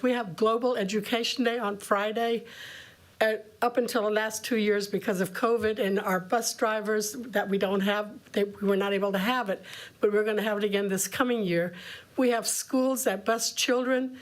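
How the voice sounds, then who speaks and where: A woman's voice: medium pitch, fairly even intonation, normal speed, low-quality recording. Chatty woman from Germany speaking. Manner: chatty, folksy speech. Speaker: public commenter. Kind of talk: public hearing testimony.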